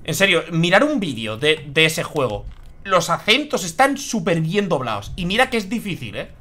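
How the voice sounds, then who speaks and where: A young man from Spain with a Spanish accent talks through a horror game on a live stream, reacting out loud and swearing casually. His pitch swings widely and the tone is bright and tense. His voice sits a little higher than most men's. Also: sing-song, normal speed, slight background noise. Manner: chatty, swears freely, reacts aloud. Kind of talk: live gameplay commentary.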